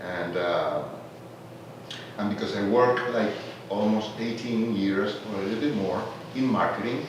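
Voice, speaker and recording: Soft-spoken Venezuelan-born man, echoey room. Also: on the low side, unhurried. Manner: hesitant, fills with "uh", warms into laughing enthusiasm. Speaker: tourism marketer introducing himself. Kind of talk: casual self-introduction at a meeting. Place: community meeting room. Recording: echoey room from far off, background noise.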